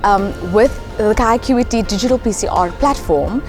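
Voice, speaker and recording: A woman's voice: mid-range voice, moderate pace. A woman, a sales manager, speaking in a polished, promotional way. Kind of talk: corporate testimonial. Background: background music.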